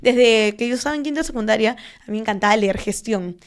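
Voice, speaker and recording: A young woman with a smooth, resonant voice pitched a little high talks through finance as an interview guest. She explains in a measured, patient way, padding her thoughts with fillers and little "right?" tags. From Peru. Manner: measured, explanatory, frequent fillers and tag questions. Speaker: guest, stock trader and finance content creator. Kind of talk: conversational interview.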